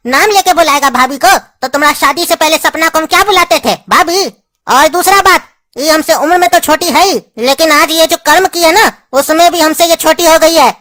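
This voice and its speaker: A woman plays a hotheaded young brother-in-law. His voice is very high, ranting and hurling insults. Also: a bit bright.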